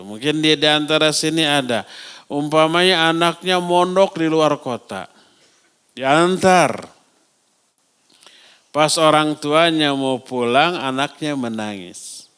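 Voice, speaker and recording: A man with a Sundanese accent giving a sermon in a mosque, lively and constantly asking the congregation questions and answering them himself. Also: a little high, clear, resonant tone. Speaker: Islamic preacher.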